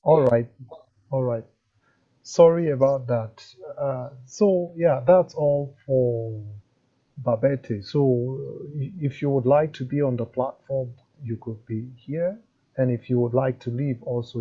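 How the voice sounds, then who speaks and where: A man's voice: mid-range voice, unhurried. A man moderating an online meeting over a lo-fi call, speaking politely and hesitantly and often repeating himself. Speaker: interview moderator. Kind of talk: informal chairing of an online meeting. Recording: dull lo-fi online call audio.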